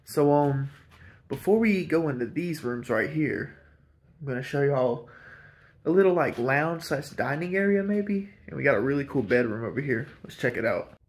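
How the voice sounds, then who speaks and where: An animated man with a voice on the high side and a slightly rough edge walks through an empty old house at a moderate pace. As an urban explorer host, he narrates like an enthusiastic, chatty tour guide, recorded with a handheld camera mic.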